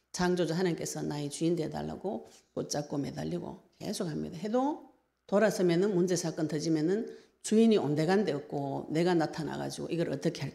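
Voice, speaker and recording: A woman pastor with a Gyeongsang Korean accent preaching a sermon, telling lively stories and acting out her own past words. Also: sits low, creaky.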